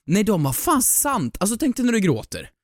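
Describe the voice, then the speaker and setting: A young man co-hosting a casual podcast, teasing and joking with quick comebacks. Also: high voice, huge pitch swings, dry recording, studio quality. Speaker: podcast co-host.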